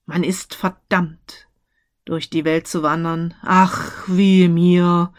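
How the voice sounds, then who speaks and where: A woman voicing the mournful ghost of a dead businessman, speaking solemn, slow warnings. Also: on the low side, little pitch movement.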